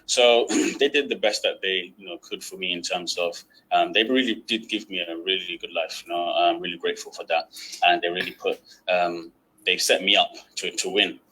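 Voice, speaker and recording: Male trainer, lowish bright voice, chatty webinar delivery with lots of "um"s. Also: steady tone, normal speed, rough recording. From United Kingdom. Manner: chatty, many fillers and throat-clearing. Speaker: guest trading trainer. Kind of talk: online webinar presentation.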